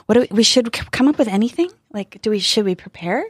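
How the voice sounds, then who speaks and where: A woman's voice: fairly high pitch, lively intonation, fast, husky. A woman co-hosting a podcast, chatting casually and rambling, often restarting her sentences. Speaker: podcast co-host. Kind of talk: casual chat.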